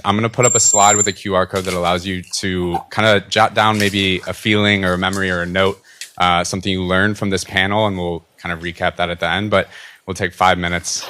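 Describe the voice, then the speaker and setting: A man's voice: sits low, pushed and bright, slight background noise. A man moderating a conference panel, taking questions and announcing the schedule. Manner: announcing logistics to the room. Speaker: event host and moderator.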